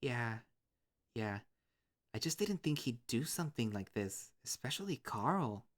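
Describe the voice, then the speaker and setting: A man reading a visual novel, voicing a timid young male lynx with a soft, halting, shaky way of speaking. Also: mid-range voice, big pitch swings. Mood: soft subdued.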